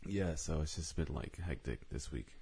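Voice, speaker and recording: Man, very deep, husky, podcast co-host, casual, swears a lot. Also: lively intonation, normal speed, warm tone. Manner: tired, laughing, heavy swearing and filler.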